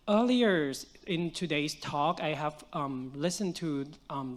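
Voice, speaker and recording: A young adult man, a physician on a conference panel, talking with a stuffy, nasal voice in an earnest, explanatory way with many fillers. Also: on the high side. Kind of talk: panel discussion answer. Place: conference stage.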